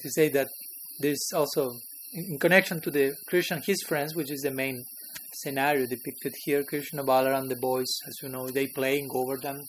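A man's voice: mid-range voice, little pitch movement, brisk, few pauses, a little hiss or hum, poor audio. Chuckling man teaching a scripture class. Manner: chuckling, checks in with listeners. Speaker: spiritual teacher.

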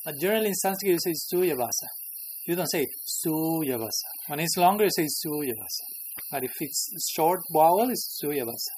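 Brief: man with a slightly high voice teaching scripture, chuckly, asks the room questions, faint hiss behind. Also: fast talker, few pauses, a little mellow, poor audio. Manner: chuckling, checks in with listeners. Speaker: spiritual teacher. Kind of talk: scripture class.

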